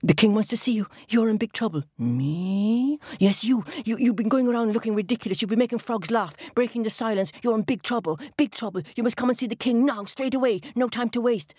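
A bossy dragonfly messenger from a told children's story, scolding in a quick, brisk tone, as a woman storyteller puts him on. Breathy voice, dry close sound. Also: on the high side, warm tone, no room sound, pitched above the performer's own voice.

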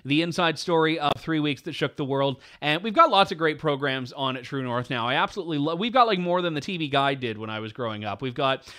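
Bright-voiced wry man commentating. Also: a little high, lively intonation, fast, hardly any pauses. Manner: wry, amused, sarcastic. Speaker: co-host. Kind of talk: opinionated news commentary.

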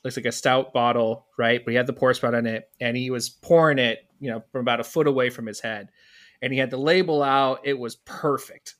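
A man's voice: medium pitch, fairly bright tone. Easygoing man co-hosting a podcast. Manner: easygoing, storytelling with many restarts. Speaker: podcast co-host. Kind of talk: casual podcast chat.

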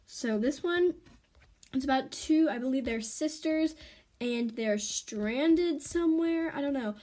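A woman's voice: high-pitched, unhurried, dark tone. A woman hosting a casual episode, reading aloud a story she wrote as a child in a chatty, self-deprecating way. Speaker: host reading her own childhood story.

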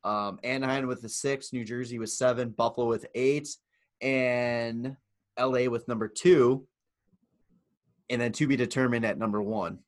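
Excitable guy on a podcast, swears a lot, rambly casual banter, average pitch. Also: moderate pace. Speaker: podcast co-host. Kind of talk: casual sports chat.

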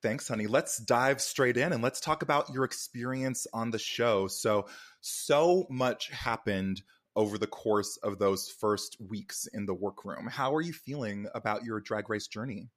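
A man's voice: fairly low pitch, unhurried. A man hosting a conversational recap interview in an effusive, campy manner full of endearments. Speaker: podcast interviewer and host.

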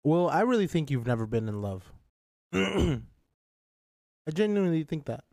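A man co-hosting a podcast in casual, rambling chat, swearing and clearing his throat often. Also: a little high, big pitch swings, a little slow, darkish tone, no echo, clean studio sound. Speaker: podcast co-host.

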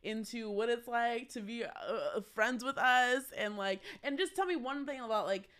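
A woman's voice: on the high side, animated, normal speed, a bit bright. A woman hosting a podcast, chatting casually in an effusive, gushing manner. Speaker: podcast host. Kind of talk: casual chat.

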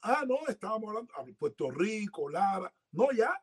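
A man's voice: sits high, big pitch swings, moderate pace, slightly rough. A man co-hosting a casual boxing chat, talking emphatically and repeating words to drive a point home. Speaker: podcast co-host.

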